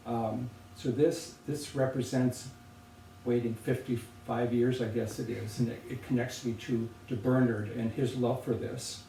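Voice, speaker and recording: An older man, a potter, talking thoughtfully and unhurriedly about objects he cares about, with pauses and restarts. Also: medium pitch, fairly even intonation, vocal fry, warm tone. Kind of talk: relaxed reflective conversation. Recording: roomy, distant from the mic, faint noise.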